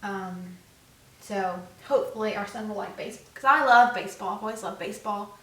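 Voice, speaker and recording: A woman's voice: medium pitch, brisk, a bit bright. A young woman co-hosting a vlog, chatting casually and rambling with many fillers. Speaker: vlog co-host. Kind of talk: casual chat. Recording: echoey room, mic at a distance.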